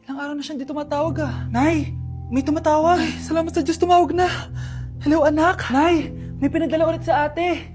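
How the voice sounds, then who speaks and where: Woman, very high voice, comedy skits, plays all the roles, clear background music. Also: steady tone, brisk. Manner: switches between characters, shouting and laughing. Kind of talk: comedy skits playing every role.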